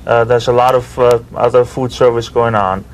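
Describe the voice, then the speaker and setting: A man's voice: medium pitch, steady tone, moderate pace, slight background noise, low-quality recording. A man who manages a restaurant, speaking as a guest on a TV show in a businesslike way, hesitating with fillers. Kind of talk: TV interview guest.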